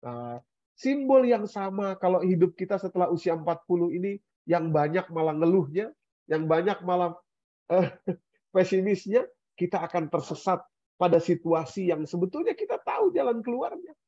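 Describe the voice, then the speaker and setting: A man giving an Islamic study sermon, speaking in an animated way and acting out the complaints of older people. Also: sits high, moderate pace, dry recording, dull audio. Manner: animated, acts out complaints of the elderly. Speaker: Islamic preacher.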